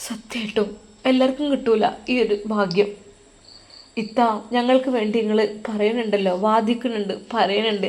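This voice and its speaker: A woman with a Malappuram accent voicing a sad young woman who speaks in a quiet, resigned way. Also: on the high side, close to an everyday voice, poor audio. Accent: Malappuram Malayalam.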